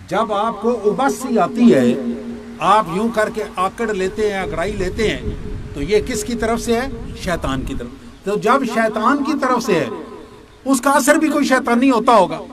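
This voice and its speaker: Man, preaching, high voice, question-and-answer teaching, crowd behind. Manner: teaching, asks the listeners questions and answers them. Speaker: religious preacher. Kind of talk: sermon to a gathering.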